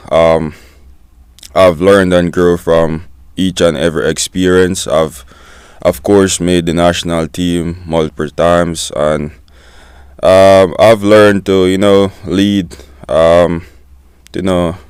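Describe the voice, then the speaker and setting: A Jamaican man in his twenties, a student-athlete guest giving short, soft-spoken answers in a casual interview. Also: deep voice, fairly even intonation, slow, smooth, no echo, clean studio sound. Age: 20s.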